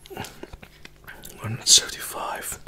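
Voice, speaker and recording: Slowly whispering young man with lollipop mouth sounds. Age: young adult. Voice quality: unvoiced breathy whisper. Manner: slow, mouth sounds from sucking a lollipop between words. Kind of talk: whispered ASMR counting down. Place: small living room, indoors.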